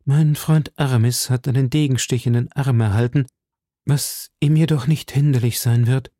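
A man's voice: mid-range voice, fairly even intonation, moderate pace, warm tone, no echo, studio quality, natural voice. A man voicing a proud noble musketeer in an audiobook, speaking formally and with dignity. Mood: dignified. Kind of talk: audiobook reading.

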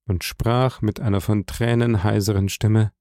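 Man with a gravelly, dark reading voice. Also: fairly low pitch, steady tone, unhurried, no room sound, studio quality. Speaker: audiobook reader. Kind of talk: reading a classic novel aloud.

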